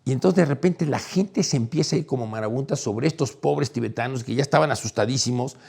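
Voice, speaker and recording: A man telling a personal story in a lively way, his voice climbing high and loud at the exciting parts. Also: quick pace, gravelly, husky. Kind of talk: animated storytelling.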